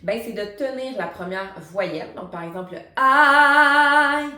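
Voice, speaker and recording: In an online lesson, a vocal coach with a medium-pitched voice explains singing technique briskly and conversationally, sprinkling in lots of fillers. The recording is reverberant.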